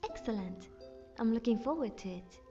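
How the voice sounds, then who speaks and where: A woman voicing a polite, curious young wood elf archer, measured and courteous, as game companion dialogue. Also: on the high side, animated, mellow, dull audio, faint music behind, natural voice. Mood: friendly, eager.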